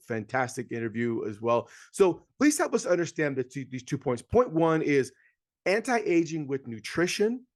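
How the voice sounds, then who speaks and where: A man hosting a podcast interview, upbeat and enthusiastic, sometimes rushing through his words. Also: mid-range voice. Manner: upbeat, enthusiastic, with bursts of speed. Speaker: podcast host.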